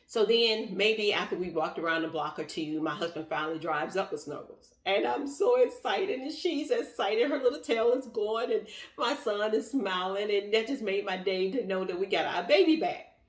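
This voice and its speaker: A woman vlogger telling a personal story in a casual, animated way, acting out what others said. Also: medium pitch, normal speed, far from the mic. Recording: echoey room, voice off-mic.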